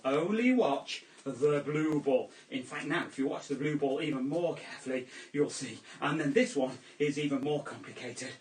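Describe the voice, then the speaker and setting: High, lively entertainer man. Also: recorded from a distance. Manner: playful, jokey, theatrical announcing. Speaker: children's entertainer. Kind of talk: juggling show patter. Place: home room during lockdown. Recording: echoey room, voice a little off-mic.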